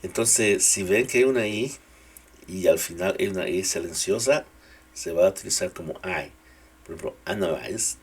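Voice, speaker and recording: A man teaching English pronunciation to other speakers in a relaxed, casual way, repeating each example word slowly. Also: deep voice, breathy edge. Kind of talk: casual spoken English lesson.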